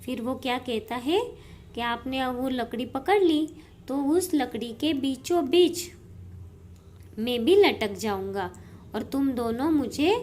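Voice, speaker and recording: A woman's voice: high voice, lively intonation, takes it slowly, darkish tone, a little hiss or hum. A young woman teaching a school lesson, reading each textbook line aloud and then explaining it in simple words. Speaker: Sanskrit teacher.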